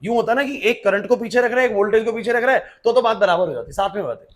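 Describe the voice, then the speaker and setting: A man teaching physics to a class, firing quick questions at the students and answering them himself, with English terms mixed into his talk. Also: high voice, lively intonation. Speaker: physics tutor. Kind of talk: classroom lecture.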